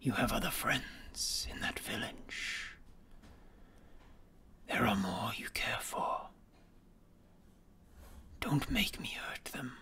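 A man voicing a menacing winged serpent lord in whispered role-play, coaxing and threatening with slow, breathy control. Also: medium pitch, very animated, sharp tone, full character voice.

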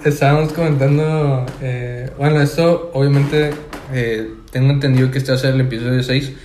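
A young man speaks Spanish with a Mexican accent in relaxed podcast banter. He talks loosely, piling up slang and trailing off mid-word before starting again. His voice sits at an ordinary pitch for a man, and the room around him sounds echoey. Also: normal speed, a little hiss or hum. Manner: slangy, laid-back, stumbling restarts. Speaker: podcast co-host. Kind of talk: casual chat.

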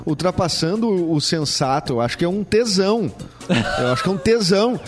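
A man's voice: high voice, lively intonation, brisk, over music. A man with a Brazilian Portuguese accent, bantering casually as a co-host in a group talk.

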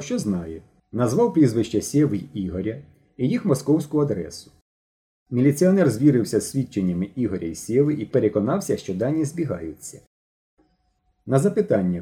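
Male audiobook reader, dark mellow tone, lively pitch, expressive narration. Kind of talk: scripted narration.

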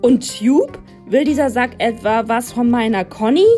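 A woman's voice: on the high side, a little slow, warm tone, soft background music, natural voice. A woman voicing an indignant teenage boy in a storybook, worked up and overdramatic. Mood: outraged.

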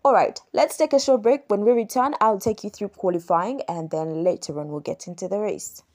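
A woman's voice: mid-range voice, brisk, a little mellow. A woman in her young adult years hosts her own podcast, talking close to the mic in a mid-range voice. She walks listeners through each rule patiently and step by step, circling back to repeat and rephrase herself as she goes. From Uganda. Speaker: podcast host. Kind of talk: explanatory solo podcast.

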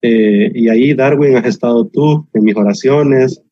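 A man's voice: mid-range voice, measured pace, mellow, slightly rough, no echo. Muffled man preaching a sermon. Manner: preaching with emphatic repetition and humor. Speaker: pastor.

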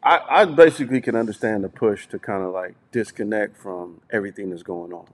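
A middle-aged man with a lowish voice co-hosts a relaxed group podcast. He tells stories at an easy pace, backing up to repeat words and checking in with his listeners as he goes. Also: brisk. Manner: storytelling, repeats words, often says "you know what I'm saying". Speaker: podcast co-host. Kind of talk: casual group chat.

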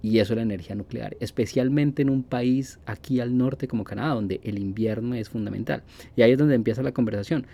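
Gravelly Colombian man musing casually. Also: medium pitch, brisk, warm tone. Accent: Colombian Spanish. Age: 40s. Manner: rambling, conversational, with frequent fillers and restarts. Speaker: podcast host. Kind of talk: casual monologue.

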